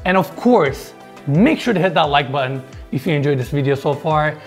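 A gravelly, slightly high voice with lively intonation comes from a man in his thirties speaking at normal speed over soft background music. He casually tours a large house basement, chatty and enthusiastic as he addresses viewers on an indoor lapel mic.

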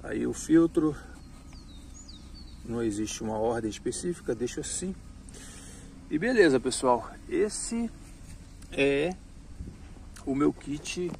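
A man in his thirties, a motorcycle travel vlogger, does a casual show-and-tell of his gear outdoors by a roadside. His medium-pitched voice is creaky, his pace slow and repetitive as he chats with viewers he calls "pessoal." An action camera on the ground captures it with slight background noise.

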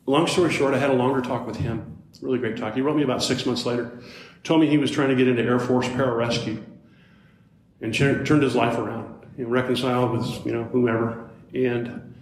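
A man giving a motivational talk in a big, roomy hall, his mid-range voice ringing off the walls. He tells his story conversationally, turning to the crowd with quick asides, then suddenly leaps higher and louder to drive a point home. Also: slight background noise. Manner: animated storyteller with sudden jumps up in pitch and loudness. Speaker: motivational speaker. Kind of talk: live storytelling talk to a youth audience. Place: large hall with a live audience. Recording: roomy live hall sound.

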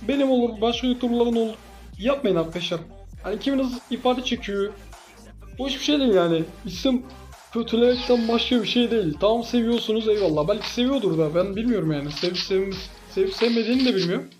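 A man giving excitable gameplay commentary as a gaming YouTuber, teasing his opponent with playful trash talk. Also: very high voice, fast, faint music behind, rough recording.

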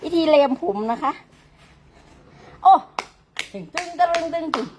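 A woman's voice: high voice, expressive, slow, noisy background. An older woman, a grandmother chatting playfully and coaxing her grandchild while cutting her hair, filmed at home. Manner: coaxing, playful, often laughing. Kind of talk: casual vlog chatter.

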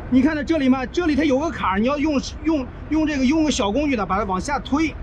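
The audio is lo-fi with slight background noise as a middle-aged man from China, a trucker vlogger, speaks at a quick pace in an extremely high voice. Filmed on a body-worn action camera in an outdoor truck yard, he gives casual, blunt step-by-step repair commentary and swears freely.

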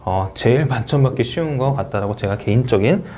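A man, an English speaking test instructor, giving an exam review lecture in Korean with energetic, repetitive emphasis on key points. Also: mid-range voice, fairly quick, slight background noise. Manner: energetic, repeats key points, says "자" often.

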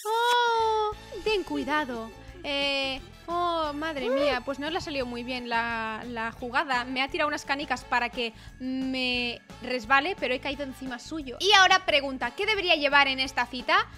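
Young gamer girl, high bright voice, yelps and gasps at the game. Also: normal speed, faint music behind. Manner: excitable, exclaims and reacts loudly to the game. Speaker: gaming YouTuber. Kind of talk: lively gameplay commentary.

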